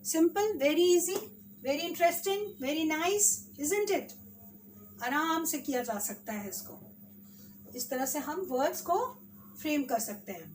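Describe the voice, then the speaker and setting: A woman teacher with an Indian accent, slowly sounding out words for children in a spelling lesson. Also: sits high, animated, darkish tone, far from the mic, slight background noise. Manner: slow, drawn-out sounding of words.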